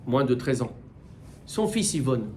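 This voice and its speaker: A middle-aged man, a rabbi, giving a Torah class in with mixed in, animated and full of rhetorical questions. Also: medium pitch, normal speed, slight background noise. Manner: animated, rhetorical questions, repeats words while searching. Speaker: rabbi teaching the weekly portion. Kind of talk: Torah class, spoken teaching.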